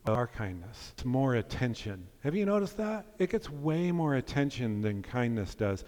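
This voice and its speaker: A man's voice: medium pitch, sing-song, normal speed, darkish tone. A man as a pastor, preaching a sermon in an earnest, conversational way with playful asides, in a church sanctuary. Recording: long hall reverb.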